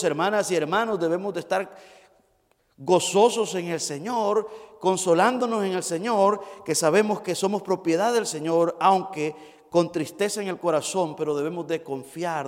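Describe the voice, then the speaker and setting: Expressive high-voiced preacher in a hall. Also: male voice. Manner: emotive storytelling, swings between loud and hushed. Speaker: pastor. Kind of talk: sermon.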